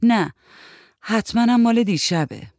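Lady reading a story, doing a mocky blunt young woman, snappy comebacks, a bit higher and louder than her own voice, dry close sound. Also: lively intonation, gravelly, dry recording. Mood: mocking. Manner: sharp, mocking retorts.

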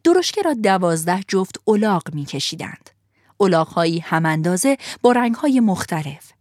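A woman narrating a storybook in an expressive, vivid manner. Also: fairly low pitch, no echo, studio quality.

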